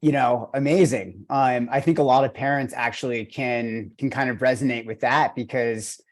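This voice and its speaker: This Argentinian-accented host of a running coaching podcast talks at a moderate pace in a medium-pitched voice. Interviewing an athlete on a video call, he's enthusiastic and rambling, leaning on many fillers.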